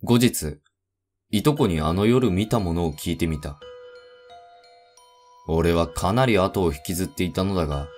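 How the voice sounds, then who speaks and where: A man narrating a first-person horror story in a deliberate, suspenseful way. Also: low voice, a little mellow. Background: background music.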